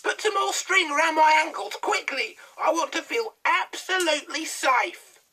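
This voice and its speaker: A man voicing a nasty old wife in a children's storybook, in a shrieking falsetto, gasping and screaming. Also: animated, moderate pace, pushed and bright, full character voice. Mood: fretful. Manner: screeching, furious, gasping. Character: shrill bossy old woman, Mrs Twit.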